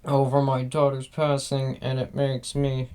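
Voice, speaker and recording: A man's voice: medium pitch, monotone, a little slow, darkish tone, smooth, natural voice. Cold scheming grandmother, read out by a man. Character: cold manipulative grandmother, older woman.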